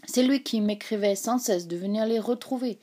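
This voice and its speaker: A woman's voice: a little high, drawn-out words, whispered. A woman reading aloud, voicing a despairing German officer who breaks into anguished cries. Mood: sorrowful. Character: anguished German officer, man, middle-aged.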